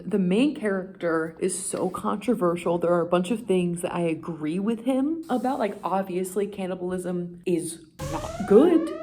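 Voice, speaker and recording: A young woman talking casually about books in a reading vlog, chatty and expressive, laughing often, sounding tired. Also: mid-range voice. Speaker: book vlogger.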